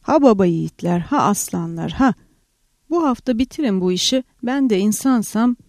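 A woman reading the part of a young landowner rallying his threshing crew, bellowing encouragement in a dark, mellow voice. The sound is close and dry. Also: mid-range voice, animated, normal speed, no room sound, lightly acted. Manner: loud rallying cries. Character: young male landowner urging on farmhands.

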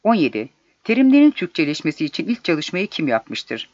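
High-voiced man reciting test answers. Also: big pitch swings, darkish tone, no room sound. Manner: measured, deliberate recitation. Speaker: exam prep narrator. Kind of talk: reading test questions and solutions aloud. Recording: dull lo-fi dry recording.

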